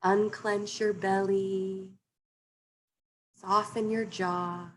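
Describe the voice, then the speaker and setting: A woman guides a breathing meditation at a very unhurried pace. Her manner is soothing and gently instructive, like a coach easing a group through each step. Some ambient noise sits behind her voice. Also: medium pitch, flat delivery. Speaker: meditation coach and panel guest.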